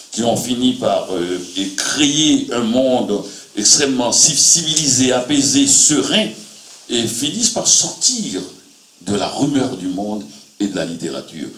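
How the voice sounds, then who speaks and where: A low-voiced man from Haiti speaks on a panel, thinking out loud and pausing often on fillers. The sound carries a roomy echo. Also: slight background noise. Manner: reflective, halting, with many fillers. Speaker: writer on a panel. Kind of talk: panel discussion.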